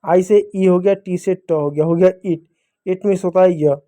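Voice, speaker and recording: A young man teaches small children how to read, his voice pitched high yet soft and mellow. He goes patiently, posing each rule as a question and then answering it himself. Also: steady tone, moderate pace. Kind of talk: phonics lesson for young children.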